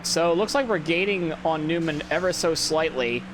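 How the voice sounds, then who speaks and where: A man's voice: a little high, animated, moderate pace. A sleepy, tired man giving casual let's-play commentary, self-critical and rambling with many restarts. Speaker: gameplay commentator. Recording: loud game engine noise behind. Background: racing game engine noise.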